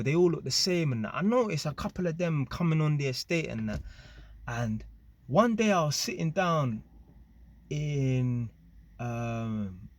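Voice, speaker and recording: A man casually telling a story to camera, animated and full of street slang and tag questions. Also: mid-range voice. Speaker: vlogger.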